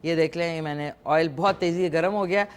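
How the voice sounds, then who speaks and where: Her voice is fairly low and clean in tone. She hosts a live morning program and presents cooking, teasing callers and chatting while preparing food in a studio kitchen on a lapel microphone.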